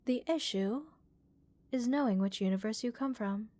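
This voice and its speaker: In a relaxing ASMR roleplay, a woman plays a curious female alien scientist examining her specimen, calm, clinical, thoughtful and gently reassuring. Her fairly high voice, close to an everyday one, moves at normal speed and is recorded close and dry with no room sound, carrying a thoughtful, measured mood.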